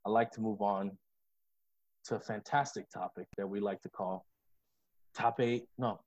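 Profane, animated man on a podcast. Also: lowish voice, measured pace. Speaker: podcast co-host. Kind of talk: casual chat. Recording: slightly dull lo-fi sound.

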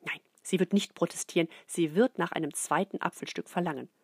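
A middle-aged woman reads a children's book aloud in an expressive way, often dropping into soft whispers. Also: on the low side, a little fast, breathy edge, no echo, clean studio sound. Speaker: narrator.

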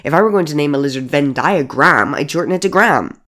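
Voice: mid-range voice, lively intonation, a little fast, sharp tone. A storyteller voicing C J, an eighteen-year-old who jokes wryly to cover hurt. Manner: wry jokes over hidden hurt. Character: self-deprecating young person named C J, age eighteen. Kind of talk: audiobook character voice.

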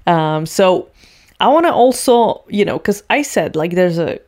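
Woman, casual storyteller, lowish pitch, chatty with many fillers. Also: animated, unhurried, a little mellow. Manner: chatty, heavy use of fillers. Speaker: vlogger retelling a TV scene.

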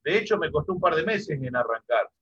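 A man's voice: a little high, sing-song, brisk, a bit bright, husky, highs cut off. A middle-aged Argentine man, a musician and music teacher from Santa Fe, talking casually in an interview over a video call. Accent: Argentine Spanish (rioplatense voseo).

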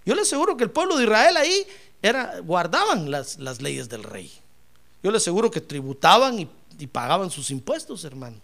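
A man's voice: high voice, wildly swooping pitch, fairly quick, gravelly, a bit bright. A man preaching a sermon, speaking emphatically and often calling his listener brother.

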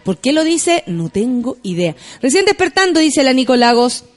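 A woman's voice: high-pitched, big pitch swings, moderate pace, soft background music. A young Chilean woman hosting a casual radio show, chatting playfully and reading out listener messages with frequent laughs.

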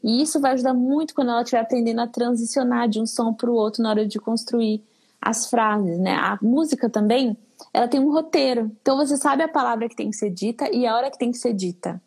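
A woman with a Brazilian Portuguese accent speaks as a guest expert in a casual interview. Her voice sits a little high and has a husky, breathy edge. She explains in a lively way and acts out little examples. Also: quick pace. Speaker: speech therapist guest.

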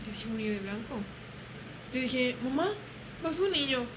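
A young woman telling stories in casual chat, animated and acting out voices. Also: sits high, normal speed. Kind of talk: casual storytelling. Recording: noisy room.

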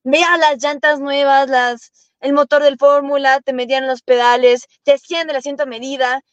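A young woman from Ecuador with a high voice, talking eagerly as a guest on a podcast. She rambles quickly and restarts her sentences often. The sound is dull and lo-fi, in a dry room. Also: fairly even intonation, no echo. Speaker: guest racing driver. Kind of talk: podcast interview.

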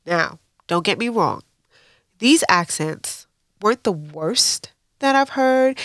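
A woman's voice: on the low side, dry recording, clean studio sound. A woman hosting a podcast, recapping a TV episode in a candid, opinionated way and breaking off into rants with laughs. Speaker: podcast host.

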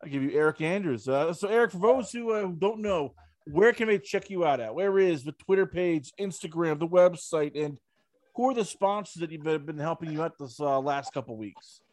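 Male interviewer, rambling and chatty, slightly higher voice. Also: moderate pace, a little mellow, no room sound, studio quality. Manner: rambling, chatty questions with many fillers. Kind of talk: casual interview.

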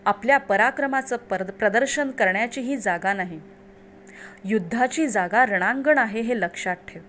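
Brief: a woman playing a commanding divine lord, firm and forceful. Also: fairly high pitch, moderate pace, a little hiss or hum, natural voice. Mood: stern. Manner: stern, commanding.

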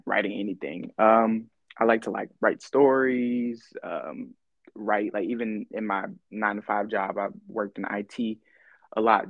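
A man's voice: on the low side, no echo, narrow, tinny audio. Laid-back young man with a dry sound. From California. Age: 20s. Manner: laid-back, halting, full of ums and laughs. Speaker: podcast guest, rapper. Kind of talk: casual interview chat.

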